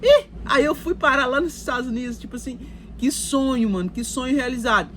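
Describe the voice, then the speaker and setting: A woman's voice: sits high, expressive, brisk, a bit bright, slight background noise. A Brazilian woman talking casually to her viewers, telling her life story in a chatty way with lots of fillers and asides. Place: recording while in Canada.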